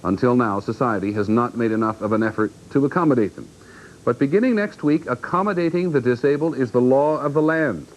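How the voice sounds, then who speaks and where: A man's voice: medium pitch, brisk, a little hiss or hum, poor audio. A man reading scripted news as an anchor.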